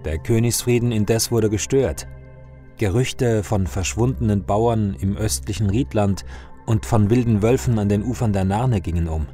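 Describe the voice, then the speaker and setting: A man narrating a scripted fantasy story in a measured, dramatic way. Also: on the low side, warm tone, faint music behind.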